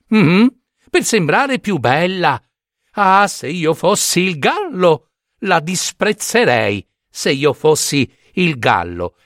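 A man's voice: a bit bright, no echo, studio quality, full character voice. A man voicing a sly, spiteful gossip hen. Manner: low confiding tone, slow, insinuating. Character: sleepless, spiteful gossiping hen, female, whispering slander.

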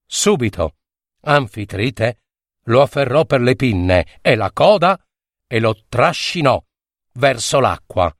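A man narrating a myth in a measured, expressive storytelling style. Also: medium pitch, dry recording, studio quality. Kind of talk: scripted storytelling.

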